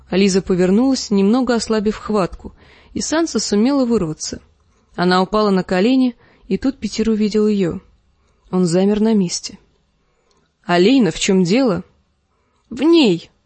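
A woman reading an audiobook aloud as expressive, dramatic narration. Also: mid-range voice, normal speed, dry recording. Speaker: audiobook reader. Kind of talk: scripted narration.

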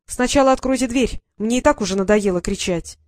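A woman voicing a stubborn, sharp-tongued teenage girl who answers back with a raised voice. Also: on the high side, fairly quick, dry recording, close to an everyday voice. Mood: eager.

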